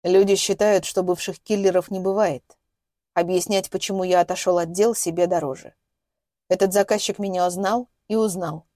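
A woman voicing a calm, quiet retired male hitman who speaks in a low, measured way. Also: no room sound, studio quality, natural voice.

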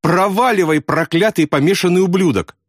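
Wounded young airman, pleading and near tears, pitched high and strained; a male narrator puts him on. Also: moderate pace, dry recording, clean studio sound. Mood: desperate.

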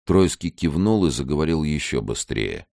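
A man reading a novel aloud, voicing every character, with lively delivery that rises sharply for shouted dialogue. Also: very deep voice, normal speed, gravelly, no room sound, clean studio sound. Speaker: audiobook narrator.

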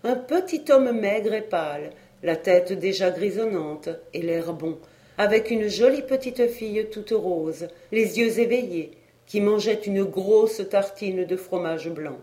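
An audiobook reader narrating a classic novel in a measured, steady way. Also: medium pitch.

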